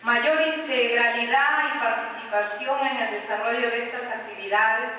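A Peruvian woman presents a technical talk in a large conference hall, her voice bright and a little high. She asks the audience questions and slips in fillers as she explains. She is picked up from far off, with heavy echo and a long reverb tail. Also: steady tone, moderate pace, slight background noise. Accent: Peruvian Spanish. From Peru. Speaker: conference speaker.

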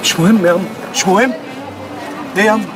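A man's voice: high voice, quick pace, natural voice. An actor with an Egyptian accent playing a young man insistently begging his mother to come home. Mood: pleading. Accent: Egyptian Arabic. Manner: pleading, insistent. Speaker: son pleading with his mother. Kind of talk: Egyptian TV drama acting. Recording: music under the scene.

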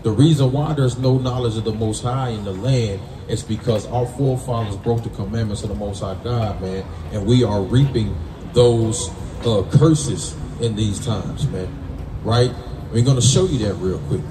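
An American street Bible teacher preaches in a lowish voice at normal speed, emphatic and colloquial, punctuating points with "right?" and "man." It's call-and-response teaching, picked up by a distant, roomy mic amid people's noise.

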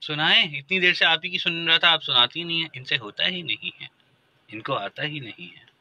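A man's voice: on the high side, fairly quick, pushed and bright. A man from Pakistan hosting a live call-in radio show, bantering and teasing his callers in a chatty way.

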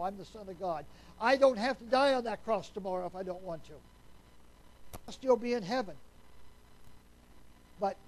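High-voiced man preaching a folksy sermon. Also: poor audio. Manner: folksy, conversational preaching with frequent questions to the congregation; drops to a hushed, quiet voice at solemn points. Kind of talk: Sunday sermon.

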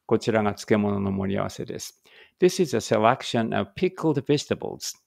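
A man with a gravelly, creaky voice leads a read-aloud English lesson. He reads each Japanese line and then the English slowly and deliberately, breaking off now and then to check how a word is pronounced. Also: fairly low pitch, lively intonation, a little mellow, dry recording, studio quality. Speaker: English teacher.

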